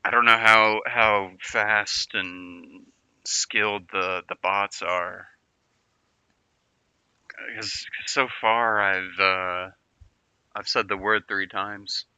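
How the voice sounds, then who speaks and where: A man's voice: on the low side, steady tone, extremely slow, long pauses, sharp tone, clear, resonant tone, no room sound. A man chatting casually on a livestream, rambling and often repeating and restarting his words. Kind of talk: casual stream chat.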